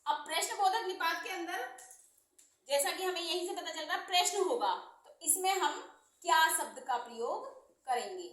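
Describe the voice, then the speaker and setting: A woman teaching Hindi grammar, explaining slowly and repeating each term with examples. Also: very high voice, lively intonation, fairly bright tone, reverberant. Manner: slow, repeating terms and examples. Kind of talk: explanatory lesson.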